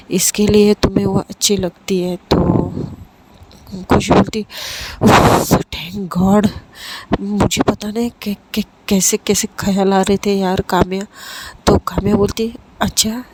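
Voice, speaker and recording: A woman casually telling a serialized love story, lightly voicing the characters in her own voice, with frequent fillers and restarts. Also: medium pitch. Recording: steady background noise.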